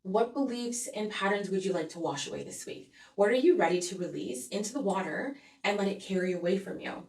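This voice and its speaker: A woman hosting a weekly tarot and astrology forecast, talking in an earnest, soothing way and often checking in with a gentle "okay?". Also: mid-range voice, a little fast, hardly any pauses. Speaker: tarot reader and astrology host. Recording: roomy echo, voice a bit far from mic.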